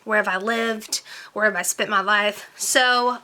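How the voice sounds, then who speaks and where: A woman's voice: medium pitch, fairly even intonation, a little slow, bright, forceful tone. A woman, chatting casually to camera as a beauty vlogger, rambling with lots of ums and likes. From born in Romania, raised in Tennessee. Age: 20s.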